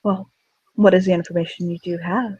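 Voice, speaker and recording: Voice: medium pitch, level tone, a little fast, darkish tone, breathy edge, no echo, dull audio, lightly acted. A voice role-player voicing a flirtatious, courtly sorceress with a French accent. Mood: inquiring. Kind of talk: voice role-play.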